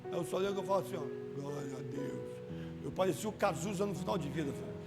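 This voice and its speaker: A man from Rio de Janeiro, a church deacon telling his testimony in an animated way and acting out his own quotes. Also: high voice, rapid-fire. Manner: animated storyteller who acts out his own quotes, rising to shouts at the peaks. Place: church hall. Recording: reverberant church hall with music behind.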